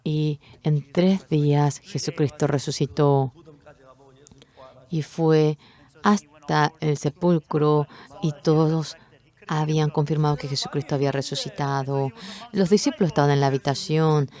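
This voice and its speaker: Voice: mid-range voice, measured pace. A speaker interpreting a Bible sermon, telling the story expressively and acting out the quoted lines. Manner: expressive storytelling, acts out quotes and rooster calls.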